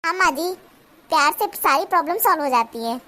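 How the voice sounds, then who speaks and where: A woman voicing a sharp-tongued young daughter-in-law who talks back in a cartoon. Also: sits high, lively intonation, brisk. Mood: reasoning. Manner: retorting, argumentative. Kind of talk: cartoon voice acting.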